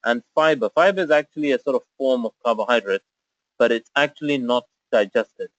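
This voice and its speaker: Man from Zambia as webinar presenter, mid-pitched voice, methodical explainer with "uh" fillers, close and dry. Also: a little fast, dry recording, highs cut off. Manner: explanatory, step-by-step, frequent "uh" fillers. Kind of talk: webinar lecture.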